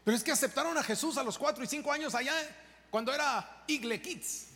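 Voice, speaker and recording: A man's voice: very high-pitched, fairly quick, fairly bright tone. A man, a pastor preaching an impassioned sermon straight at his congregation in a church. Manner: impassioned, direct address to the congregation. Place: church sanctuary. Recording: long reverb of a large hall, faint background noise.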